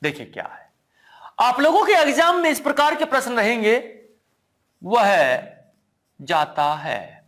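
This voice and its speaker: A man's voice: very animated, measured pace, pauses often. A man teaching a Sanskrit exam-prep lesson, repeating key words back to the class as questions and checking in with them again and again. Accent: Hindi. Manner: asks the class "ठीक है ना?" again and again; drops to a low, quiet voice at times.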